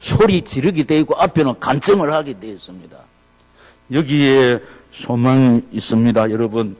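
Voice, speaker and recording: A male pastor preaching a sermon in a church, his voice climbing to shouted exclamations of praise. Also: mid-range voice, normal speed. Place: church sanctuary. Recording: long reverb of a church hall.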